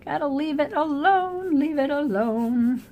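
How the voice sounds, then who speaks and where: A middle-aged woman, a watercolor artist, chatting in a relaxed way as she paints at a table indoors, picked up by an overhead camera mic. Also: sits high, unhurried, muffled recording. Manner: relaxed, chatty running commentary. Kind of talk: thinking aloud while painting.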